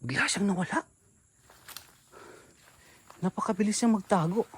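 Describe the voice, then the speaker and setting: A man's voice: high voice, unhurried, breathy edge. A man doing a ghost-hunting vlog, talking to his viewers and calling out anxiously as he goes. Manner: addresses viewers as idols, calls out anxiously. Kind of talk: handheld horror vlog commentary.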